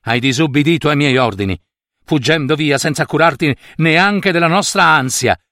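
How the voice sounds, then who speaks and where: A man's voice: fairly high pitch, moderate pace, bright, forceful tone, no echo, studio quality. A man reading the lines of a stern middle-aged father in a storybook, speaking harshly. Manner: harsh, then imploring.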